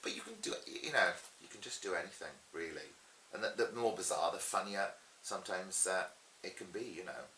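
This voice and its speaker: A middle-aged pantomime performer tells anecdotes in an interview, his low voice brisk and sharp. He's chatty, theatrical and emphatic, and the talk is animated. The recording has a roomy echo and faint hiss.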